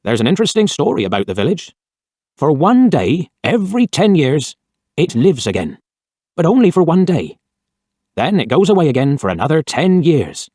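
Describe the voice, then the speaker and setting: A man voicing a wary, grave garage man in a storybook reading, telling a tale slowly and solemnly. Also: a little high, big pitch swings, warm tone, no room sound, studio quality, pitched above the performer's own voice.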